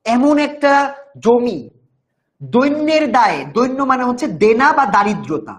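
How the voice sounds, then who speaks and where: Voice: medium pitch, expressive. Teacher explaining verse. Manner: explains word by word, often checks with "okay?"; recites verse lines slowly. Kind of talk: online class lesson explaining a poem.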